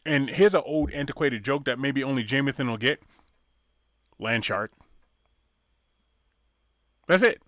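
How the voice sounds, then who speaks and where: A man co-hosting a casual podcast, joking around, swearing freely and jumping into silly high voices for bits. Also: expressive, fairly quick, hardly any pauses, fairly bright tone, no echo. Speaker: podcast co-host. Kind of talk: casual chat.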